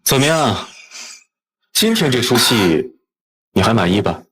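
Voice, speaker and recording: An actor playing a ruthless young tycoon who speaks calmly and coldly, with quiet menace. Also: male voice, medium pitch, unhurried, breathy edge, full character voice, low-quality recording. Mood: mocking. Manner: calm, cold and menacing.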